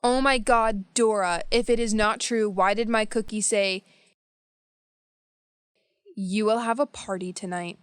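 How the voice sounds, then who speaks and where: A woman speaking slowly and carefully in a scripted beginner English dialogue. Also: medium pitch, steady tone, clean tone, no room sound, clean studio sound.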